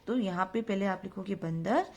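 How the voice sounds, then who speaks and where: A woman's voice: mid-range voice, normal speed, creaky, a little mellow. A woman teacher speaks in a patient, repetitive way to young pupils. She asks a question, waits a moment and answers it herself. English words are dropped into her throughout. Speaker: school teacher. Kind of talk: recorded online grammar lesson for young children.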